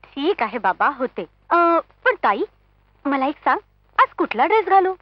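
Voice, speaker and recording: Film role: chatty kid sister, very high and lively voice, dull audio. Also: female voice, moderate pace, no room sound. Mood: playful. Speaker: younger sister in a comedy film. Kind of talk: film acting.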